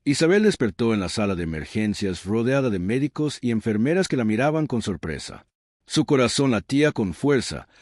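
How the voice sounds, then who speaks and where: A man's voice: lowish voice, dry recording, studio quality. A man narrating a dramatic story in a suspenseful, scripted storytelling way.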